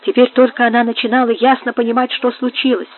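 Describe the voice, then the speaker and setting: A woman's voice: a little high, level tone, quick pace. A woman reading a period novel aloud as an audiobook, telling it dramatically. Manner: dramatic storytelling. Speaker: audiobook reader. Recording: tinny phone-like sound.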